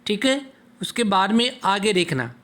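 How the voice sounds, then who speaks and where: A man teaches children a Sanskrit lesson, patiently posing questions and then answering them himself. His voice is high, very animated and a bit bright, and his manner is slow and patient.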